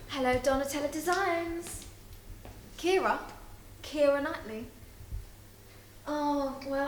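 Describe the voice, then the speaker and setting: A woman playing a posh, self-important fashion designer who talks down to everyone. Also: sits high. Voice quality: posh, condescending, says darling. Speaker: sketch character. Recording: roomy echo, faint noise.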